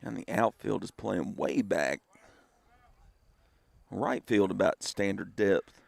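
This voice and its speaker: A man's voice: low voice, slow pace, creaky, no room sound. A man giving casual, folksy color commentary on a live baseball game. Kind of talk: conversational live sports commentary.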